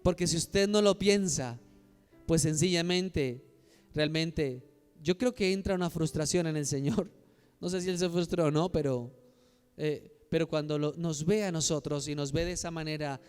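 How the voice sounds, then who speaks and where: A man's voice: on the high side, a little mellow, clear, resonant tone, in a large hall. A man from Colombia preaching a sermon as pastor, telling stories and building to emphatic calls to the congregation. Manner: storytelling, rising to emphatic exhortation.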